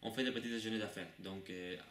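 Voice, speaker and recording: A man's voice: on the low side, steady tone, fast, a bit bright. A young man from Cuba, a student, talking fluently and at length about his course. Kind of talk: interview answers. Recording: echoey room, mic at a distance, noise.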